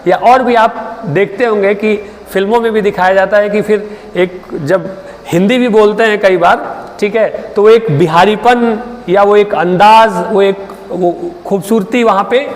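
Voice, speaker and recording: A man's voice: sits high, unhurried, long reverb tail. A man from Bihar lecturing, explaining to students and checking often that they follow. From Bihar, India. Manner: explains with frequent checks and tag questions. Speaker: Hindi literature teacher. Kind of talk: online exam-prep lecture.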